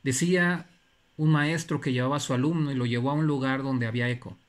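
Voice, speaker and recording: A man's voice: mid-range voice, fairly even intonation, quick pace. Man, motivational speaker, earnest, preachy, repeats phrases, mid-range voice. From Mexico. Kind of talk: motivational talk.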